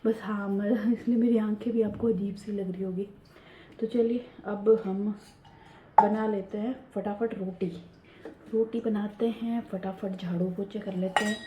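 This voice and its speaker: A woman in her thirties narrating her daily home chores in a soft, hushed voice-over, chatty and confiding. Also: medium pitch, steady tone, a little slow, highs cut off, slight background noise. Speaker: home vlogger. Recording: roomy home voice-over with faint ambience.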